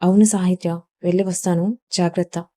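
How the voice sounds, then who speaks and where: A woman's voice: lowish voice, fairly even intonation, a little fast, warm tone, lightly acted. A woman voicing a caring middle-aged mother-in-law in an audio story, asking concerned questions.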